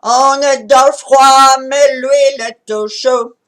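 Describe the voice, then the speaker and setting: A woman from Belgium. She speaks softly to introduce a folk song, then leads its call-and-response chorus over a video call. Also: sits high, steady tone, measured pace. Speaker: folk singer. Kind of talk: folk song performance at an online sing.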